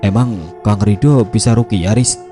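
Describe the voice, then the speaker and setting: A man's voice: lowish voice, steady tone, normal speed, mellow, faint music behind, natural voice. A man voicing a curious young male boarding-school student who asks eager questions.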